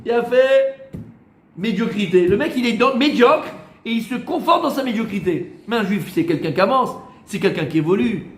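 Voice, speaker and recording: A man, a rabbi, giving a lively Torah class to a small group, teasing and quizzing them as he goes. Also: high-pitched, a little hiss or hum. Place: room with a small group of students. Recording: echoey room.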